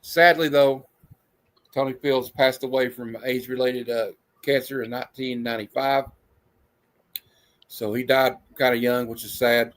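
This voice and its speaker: A man's voice: mid-range voice, level tone, normal speed. Casual male horror-movie show host. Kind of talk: casual livestream chat.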